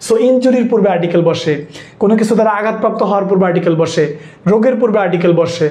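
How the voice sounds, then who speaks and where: Guy teaching english grammar, high voice, keeps asking if u got it, echoey room. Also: racing, a little mellow. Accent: Bangladeshi Bengali. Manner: keeps checking that students follow, repeats himself. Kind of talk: online exam-prep lesson.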